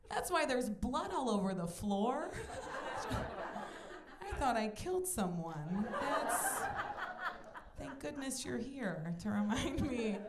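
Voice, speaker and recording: A woman in her twenties performing a stand-up comedy set on a club stage, playful and animated, acting out voices in her quotes. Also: high voice. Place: comedy club stage before a live audience. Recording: echoey club room with audience noise.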